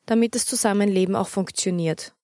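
A woman voicing a patient mother who talks in a calm, firm, gently teasing way. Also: medium pitch, a little fast, dry recording, studio quality, close to an everyday voice.

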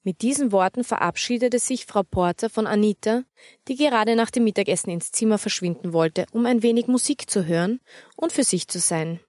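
A woman's voice: medium pitch, no echo, studio quality. Woman reading a children's story. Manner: steady, measured reading. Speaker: narrator.

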